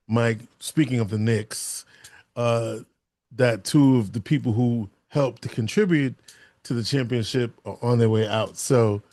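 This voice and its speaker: A man's voice: mid-range voice, a little mellow, no room sound, clean studio sound. A man co-hosting a casual podcast chat. He tells stories with eager enthusiasm and laughs easily. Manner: enthusiastic, storytelling, quick laughs. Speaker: co-host.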